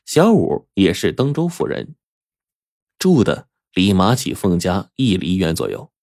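A man telling a folk tale in an expressive, lively way, speaking close to the mic. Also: sits low, measured pace, no echo. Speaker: storyteller. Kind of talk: oral storytelling.

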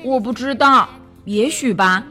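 Woman voicing an earnest young boy, polite, high, storybook. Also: unhurried, pushed and bright, soft background music. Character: earnest young male hero Carlo.

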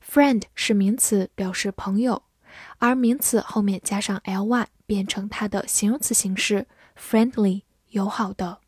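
Slow, dry-voiced woman teaching English words. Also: mid-range voice, a little mellow, slightly rough, dry recording. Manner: spells words letter by letter and reads example sentences slowly. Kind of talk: vocabulary lesson.

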